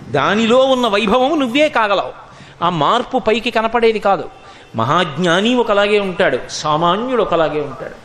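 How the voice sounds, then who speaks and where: A man with a high-pitched voice delivers a spiritual sermon, telling lively stories and acting out their voices. He slips into chanted scripture verses between the stories. A faint hum of room ambience sits behind him. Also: reverberant. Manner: animated storytelling, acting out quotes, chanting verses. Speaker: spiritual discourse speaker.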